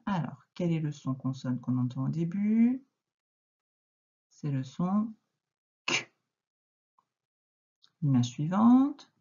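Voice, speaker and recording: A woman with a French accent leads a phonics lesson for young children, pausing often and repeating each word slowly. Her voice is low and mellow, and she keeps her praise gentle and steady. The recording sounds slightly muffled. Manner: gentle, encouraging, pauses and repeats words slowly. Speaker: primary school teacher.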